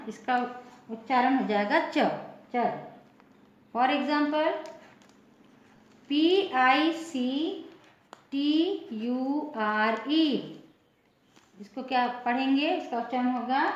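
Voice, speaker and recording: Slow, high-voiced woman teacher spelling words. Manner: spells words letter by letter, then repeats the answer slowly; asks the question, then answers it herself. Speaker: English pronunciation teacher. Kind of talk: classroom lesson. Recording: echoey room, dull lo-fi sound.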